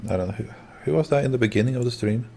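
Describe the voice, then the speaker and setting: A man's voice: medium pitch, rapid-fire, darkish tone, a little hiss or hum. A man hosting a livestream, talking casually to his viewers and guests. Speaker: livestream host.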